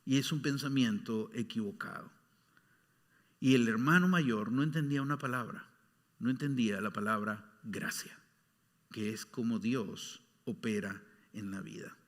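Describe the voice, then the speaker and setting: A male pastor preaching a sermon, emphatic, dropping at times into soft whispers. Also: medium pitch, unhurried, big-room sound. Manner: emphatic, shifting between loud exclamations and soft whispers. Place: church sanctuary.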